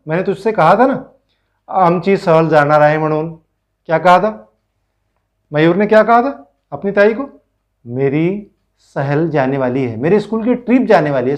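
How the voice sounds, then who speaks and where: A man's voice: high voice, a little mellow, highs cut off. A male teacher explaining a school lesson, reading lines aloud, repeating words and asking pupils questions.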